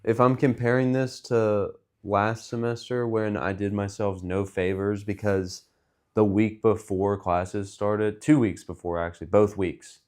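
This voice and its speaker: A young man co-hosting a relaxed chat show. His voice sits a little low, and he rambles loosely with fillers and easy jokes. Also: a little slow. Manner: rambling, joking, lots of fillers. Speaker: podcast co-host. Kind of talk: casual chat.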